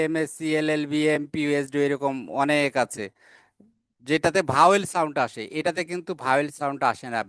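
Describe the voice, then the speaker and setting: A male teacher talks through a grammar lesson at a patient, explaining pace, slowing right down to read out English example sentences. His voice sits a little high and sounds smooth and clear. He breaks his flow with small "ah" fillers and quick self-corrections, recorded close up in a dry space with no room sound. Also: a bit bright, no echo. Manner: explains step by step, reads English examples slowly.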